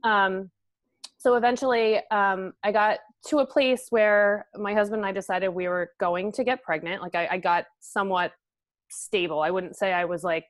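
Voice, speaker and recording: A woman's voice: medium pitch, fairly even intonation, moderate pace, dry recording. A woman in her thirties, an interview guest speaking earnestly in a casual conversation, with many "um"s and "like"s. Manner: earnest, frequent fillers like "um" and "like".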